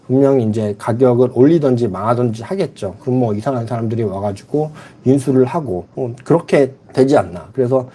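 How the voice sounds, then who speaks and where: Hosting a laid-back livestream from the Philippines, a middle-aged man reads viewer comments out loud and replies with blunt frankness. His warm, husky mid-range voice moves fairly quickly with few pauses.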